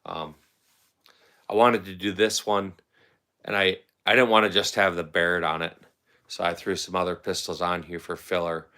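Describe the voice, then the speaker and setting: A man hosts a casual livestream, rambling and talking back to viewers' comments as they come in. His voice is low-pitched with a sharp tone, heard in an echoey room.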